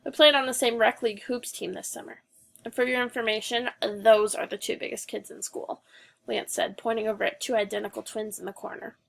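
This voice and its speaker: A woman reading a children's novel aloud as the narrator, with brisk first-person storytelling and dialogue read without character voices. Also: fairly high pitch, fairly even intonation, gravelly, fairly bright tone. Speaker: audiobook narrator.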